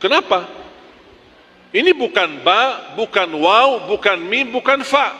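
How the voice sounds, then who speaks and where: High-voiced teacher drilling Quran letters. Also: male voice, sing-song, slow pace, bright, forceful tone, in a large hall. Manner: drills letters by repetition, corrects sharply. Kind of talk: recitation lesson with chanted examples.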